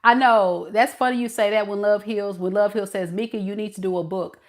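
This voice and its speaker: Brisk and medium-pitched with fairly even intonation, this chatty woman hosts a casual live stream as a tarot reader going through live chat. She's Californian with a Mississippi lilt, laughs a lot, and calls her viewers y'all.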